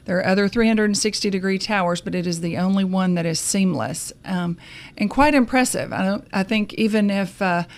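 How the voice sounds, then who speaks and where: A woman's voice: mid-range voice, brisk. A woman from the university staff, chatting as a radio guest in a hesitant, friendly way with frequent fillers. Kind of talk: casual interview chat.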